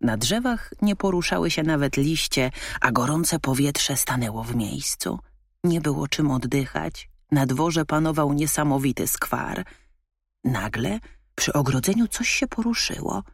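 A woman's voice: low-pitched, unhurried, no room sound. Woman narrating a children's story. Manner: expressive, lively storytelling. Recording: dry close studio sound.

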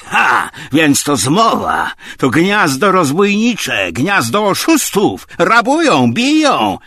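A hoarse, spiteful bully bellows insults high and loud, as a male narrator puts him on. His voice swings wildly and carries a husky edge, close and dry with no room around it. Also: very animated, slow pace, no echo, full character voice. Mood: outraged. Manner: shouting, mocking, abusive. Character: coarse, spiteful middle-aged man, hoarse and bullying.

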